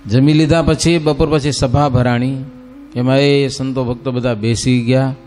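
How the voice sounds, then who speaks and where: A man telling a devotional story in a folksy, animated way, often turning to listeners and breaking into sung verse. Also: medium pitch, unhurried, slight background noise. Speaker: religious storyteller.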